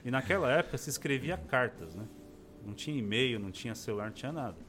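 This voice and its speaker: A man's voice: medium pitch, fast talker. A man in his forties, an interview guest, telling a personal testimony in casual chat and acting out the voices of the people he quotes. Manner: expressive storyteller, acts out quoted voices.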